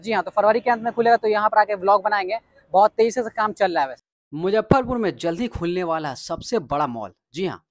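A man's voice: high voice, no room sound. A man from Bihar, vlogging outdoors at a building site. He sounds eager and hyped and keeps repeating his main points. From Bihar, India. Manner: eager and hyped, often repeats key points with "yes indeed". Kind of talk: on-location walkaround vlog.

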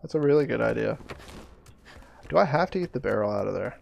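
A man's voice: medium pitch, expressive, brisk, vocal fry. Exasperated male game streamer, chatty. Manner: chatty, exasperated, swearing, bursts of loud surprise. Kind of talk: live gameplay commentary.

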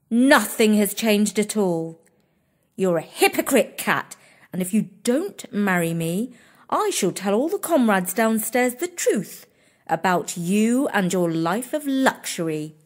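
A narrator voicing a bossy, bad-tempered elder sister who scolds and domineers in a shrill, high voice. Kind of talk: storybook character voice.

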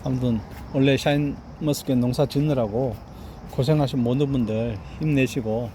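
Speaking at a moderate pace in a steady, mellow mid-range voice, a middle-aged grape farmer shows his harvest in an outdoor vineyard, with slight background noise. The casual vlog walkthrough is full of pride and boasting as he insists the viewer look, repeating "look here" and asking "eh?"

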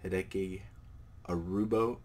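Unhurried and low-pitched, a man fighting a cold hosts his card collecting channel from an indoor table. He shows cards in a relaxed, casual show-and-tell vlog, wandering through his talk with fillers and self-corrections.

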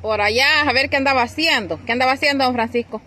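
A woman's voice: sits high, quick pace. A woman with a Salvadoran Spanish accent, chatting casually as a vlog host behind the camera. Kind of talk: casual chat, interviewing on camera. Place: outdoors by a rural road and farmyard. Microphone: behind the handheld camera. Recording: bright outdoor phone audio, faint background noise.

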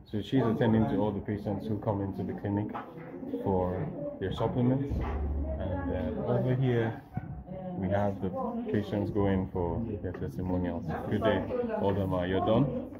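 A man in his thirties leading a casual walking tour of a clinic, relaxed and pausing often with fillers, recorded on a phone he holds. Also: lowish voice. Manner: relaxed, pauses with frequent fillers. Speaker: foundation representative giving a clinic tour. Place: outdoor yard and indoor clinic rooms. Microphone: phone camera held while walking. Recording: dull lo-fi phone audio with loud crowd. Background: loud crowd chatter.

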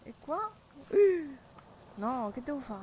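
A woman's voice: high voice, big pitch swings, slow, darkish tone, a little hiss or hum. A woman, chatting jumpily with viewers and laughing often while she plays a game on a live stream. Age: 30s. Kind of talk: casual live-stream chat while gaming.

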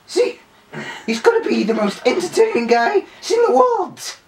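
A pet video creator gleefully putting on a silly voice for a pet bird, in excitable, joking chatter. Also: extremely high pitch, a little slow. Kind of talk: playful pet-voicing vlog chatter. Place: indoors at home with pet birds. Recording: distant mic with loud background noise.

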